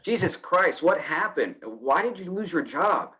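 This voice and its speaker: A man's voice: on the high side, big pitch swings, measured pace, pushed and bright, heavily acted. A man playing a blunt, worried friend. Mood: pressing, worried. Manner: confronting, pressing with blunt questions. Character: worried, exasperated male friend and emergency contact. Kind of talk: stage play acting.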